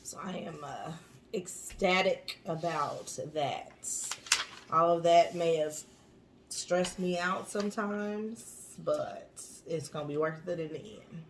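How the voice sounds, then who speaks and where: A woman's voice: fairly low pitch, slow pace, background noise. A woman in her late thirties co-hosting a podcast in casual chat, matter-of-fact and teasing. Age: late 30s. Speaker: podcast co-host.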